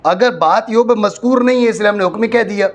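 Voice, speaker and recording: A man from Pakistan, teaching a grammar class, explaining step by step and often checking that his students follow. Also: high-pitched. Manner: explains step by step, repeats points, checks understanding. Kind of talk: classroom lecture on Arabic grammar.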